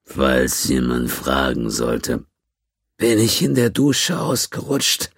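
A man voicing a badly beaten man who croaks and gurgles out wry remarks, in an audiobook reading. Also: rumbling low, wildly swooping pitch, slow, no room sound, studio quality, heavily acted. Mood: wry, hurting.

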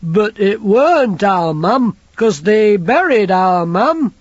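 A man voicing a big, simple-minded young man who talks slowly and plaintively, like a lost child. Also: high-pitched, animated, no echo, pitched above the performer's own voice, heavily acted. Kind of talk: audiobook character voice. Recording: dull lo-fi recording.

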